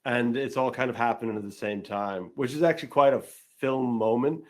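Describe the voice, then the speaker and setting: A man's voice: medium pitch, fairly quick. A man hosting a casual chat, brainstorming a film story in a rambling way and acting out quoted lines. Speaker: podcast host.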